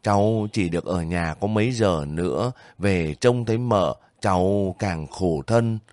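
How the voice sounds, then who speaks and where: A man's voice: sits low, measured pace, a little mellow, dry recording. A man voicing a young soldier on leave who pleads and questions anxiously in a spoken story. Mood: faint. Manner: anxious, breaking voice.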